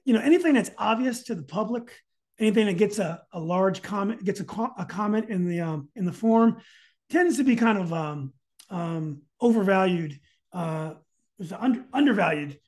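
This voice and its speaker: High-pitched man hosting a podcast, hesitant. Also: expressive, moderate pace, a little mellow. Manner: hesitant, searching for words. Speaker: podcast host and interviewer. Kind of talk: casual interview.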